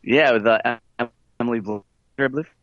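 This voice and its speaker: A man's voice: medium pitch, brisk, fairly bright tone, dry recording. A man chatting casually over an internet call line that cuts out now and then, with a loose, filler-heavy way of talking. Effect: heard over an internet call line that cuts out. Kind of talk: casual chat. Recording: dull, dry call-line audio.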